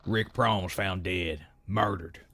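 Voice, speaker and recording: Man doing a game detective, deep, gruff, terse, blunt questions, dry sound. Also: steady tone, slow pace, sharp tone, no echo, exaggerated voice. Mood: stern. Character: gruff low-voiced male detective, blunt and pressing.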